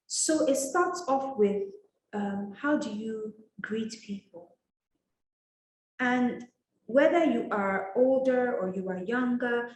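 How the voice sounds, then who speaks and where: A woman from Nigeria coaching on etiquette in an emphatic, direct way. Her pitch sits fairly high and swings a lot. The room around her rings with echo. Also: slight background noise. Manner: emphatic, direct, scolding and lively. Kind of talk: motivational masterclass talk. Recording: roomy echo.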